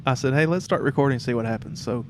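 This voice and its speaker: A mid-pitched man hosts a podcast, chatting casually and informally in an interview while talking very fast. He's in a temporary studio set up inside a theatre, and the recording picks up background noise and room ambience.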